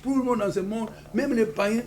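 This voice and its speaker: Un pasteur originaire du Congo, avec un congolais, prêche avec emphase dans une salle d'église et lance des alléluias à l'assemblée. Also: male voice, very high voice, brisk, crowd noise. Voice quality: emphatic, repeats hallelujah to the congregation. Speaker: pastor. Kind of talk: sermon with call-and-response. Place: church hall. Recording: noisy church hall recording.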